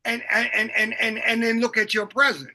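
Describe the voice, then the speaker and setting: A man's voice: very high voice, flat delivery, bright, forceful tone. A man hosting an interview, reflecting back on his guest's story with stammered restarts. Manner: stammering, many quick restarts. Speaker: interview host. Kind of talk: conversational interview.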